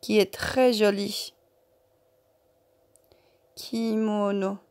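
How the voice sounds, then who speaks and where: A woman teaching a workbook lesson to young children, speaking slowly, repeating words and syllables and checking in with "ok?". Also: a little high, a little mellow.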